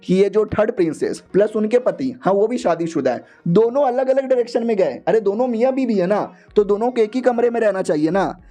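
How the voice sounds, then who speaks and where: An easygoing young hero chats in a relaxed, friendly way, as the male narrator voices him. The voice is high and mellow. It is a casual storybook-style retelling. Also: a little fast, few pauses, soft background music. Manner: relaxed, chatty.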